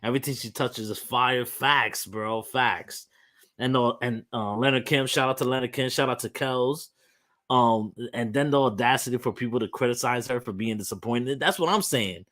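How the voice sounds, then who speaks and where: A young man hosting a podcast, talking in an animated, emphatic rant full of restarts. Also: mid-range voice, normal speed. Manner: frequent restarts and fillers. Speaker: podcast host. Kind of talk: casual opinionated chat.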